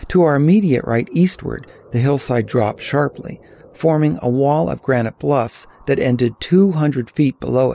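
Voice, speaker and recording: An older man reads a first-person tale aloud, calm and descriptive. His voice is heavily gravelly and husky, with a dark, mellow tone. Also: medium pitch, no room sound. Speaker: narrator. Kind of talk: scripted audiobook narration.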